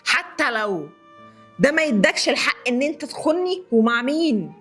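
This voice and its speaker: An actress voicing a jealous, dramatic young wife in a comedy sketch, with an Egyptian Arabic accent and a sarcastic, shrill way of talking. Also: female voice, big pitch swings, moderate pace, fairly bright tone, husky, soft background music, exaggerated voice. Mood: bitter pleading.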